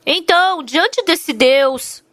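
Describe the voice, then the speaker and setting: A woman's voice: sits high, slow pace, a bit bright, dry recording, studio quality. A woman interpreting a sermon, telling its story earnestly and with emphasis.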